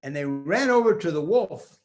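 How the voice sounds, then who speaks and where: An older man improvising a story for children in a folksy, expressive way, drawing words out for effect. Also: fairly high pitch, moderate pace, soft background music.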